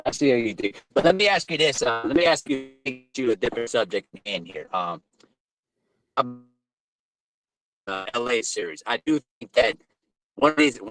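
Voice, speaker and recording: A man's voice: mid-range voice, lively intonation, normal speed, long pauses, fairly bright tone. A man on a live sports talk show speaking through a faulty mic that crackles and cuts out, talking in a hesitant, questioning way. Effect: crackling, cutting-out mic. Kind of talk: casual live sports debate.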